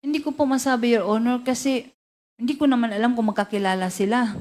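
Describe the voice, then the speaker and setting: A woman giving formal testimony as a witness in a hearing room, halting and polite, with many fillers. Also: a little high, darkish tone.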